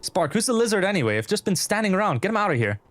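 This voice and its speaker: A man voicing a bossy, impatient female shark nurse in a game, sharp and sarcastic. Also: sits high, very animated, rapid-fire, faint music behind, voice pushed up. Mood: curt, annoyed.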